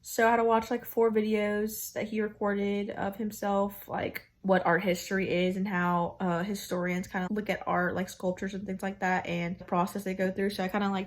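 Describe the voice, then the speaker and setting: A young adult woman, a student vlogger, chatting casually to the camera in an informal, slangy, rambling way. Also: medium pitch. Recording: noticeable background ambient noise.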